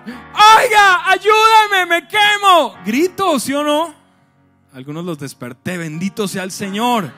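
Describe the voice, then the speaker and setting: A male pastor preaching a lively sermon to a large church congregation, with bursts of shouting and acted-out scenes. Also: very high-pitched. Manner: animated preaching, shouts and acts out scenes with humor.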